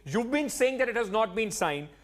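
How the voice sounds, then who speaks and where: A man's voice: high voice, expressive, normal speed. A man with an Indian accent anchoring a live TV debate, pressing his questions insistently and cutting in. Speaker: news anchor and debate moderator.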